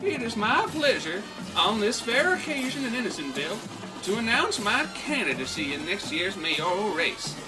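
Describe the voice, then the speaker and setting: A man's voice: sits high, very animated, moderate pace, pitched above the performer's own voice. A man voicing a pompous small-town mayor making a self-satisfied campaign speech. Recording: distant mic, music bed.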